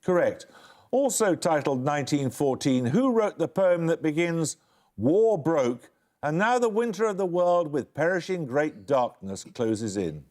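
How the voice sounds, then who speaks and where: A man hosting a quiz show, reading questions crisply and giving dry, wry introductions. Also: a little high, very animated, measured pace, darkish tone. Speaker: quizmaster.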